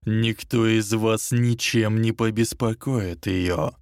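Voldemort, a cold dark lord put on by a man. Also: fairly even intonation, no echo, studio quality. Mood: coldly menacing. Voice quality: low, menacing, slow and deliberate. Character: cold menacing dark lord, male adult.

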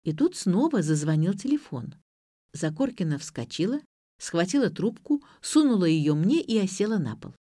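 A woman reading a first-person audiobook with expressive storytelling. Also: lowish voice, normal speed, no echo, studio quality. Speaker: narrator. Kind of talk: audiobook narration.

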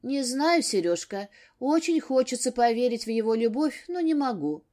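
A woman voicing a sharp-tongued, weary young wife, pitched up. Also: big pitch swings, normal speed. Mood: sad. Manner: snappy, sarcastic, raised voice.

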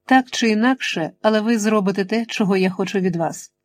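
A woman voicing a menacing, controlling male chemist in an audiobook, speaking slowly and insistently. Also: mid-range voice, natural voice. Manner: slow, insistent, threatening.

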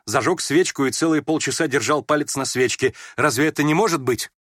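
A man's voice: on the high side, fairly quick, no echo, clean studio sound, voice pushed up. A man reading an audiobook, voicing a proud, impulsive young woman who flares up and then turns shy. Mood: defiant. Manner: sharp, flustered, switching between scorn and shyness.

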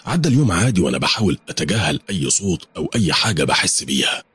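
Husky, fast Egyptian horror narrator. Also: male voice, deep voice, big pitch swings, fairly bright tone, no room sound. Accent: Egyptian Arabic. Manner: urgent, dramatic. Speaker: storyteller. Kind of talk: first-person horror story narration.

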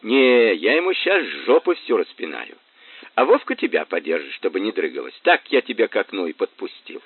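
A man's voice: on the low side, wildly swooping pitch, normal speed, breathy edge, no echo, exaggerated voice. A man voicing a drunk, rowdy thug who blusters coarse threats; tinny, dry recording. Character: drunk, rowdy middle-aged male thug. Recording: tinny phone-like band, dry.

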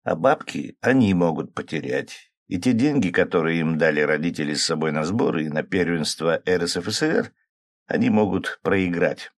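Deep-voiced man reading a story. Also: animated, moderate pace. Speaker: audiobook narrator. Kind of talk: first-person audiobook narration with dialogue.

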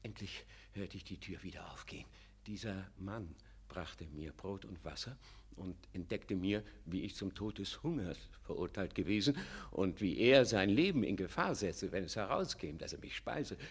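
A starved old father rises out of darkness in a classic radio play, his voice husky and worn thin. He pleads and laments, swelling from broken murmurs to desperate cries. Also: low voice, expressive, moderate pace, heavily acted. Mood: mournful. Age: older.

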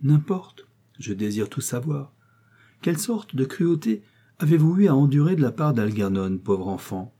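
A curious rich old gentleman asks calm, grave questions in a storybook reading, voiced by a male narrator. His tone is mellow and slightly husky, courteous but searching. He wants the truth without showing his hand. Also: mid-range voice, moderate pace, voice pushed up. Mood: probing. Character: strange rich older gentleman visitor, probing.

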